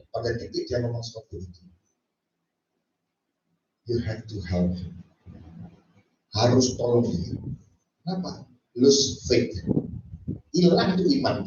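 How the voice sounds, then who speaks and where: A man preaching a sermon as pastor, animated, acting out quoted speech and mixing in English phrases. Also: mid-range voice, slight background noise. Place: church. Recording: echoey church hall from far off, dull sound.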